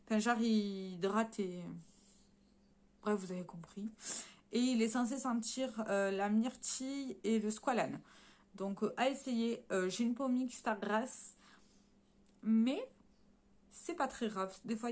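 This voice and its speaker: A woman's voice: mid-range voice, unhurried, darkish tone. Chatty woman vlogger. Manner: chatty, hesitant with frequent fillers and self-corrections; addresses viewers directly while showing swatches. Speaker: beauty vlogger. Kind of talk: casual product haul.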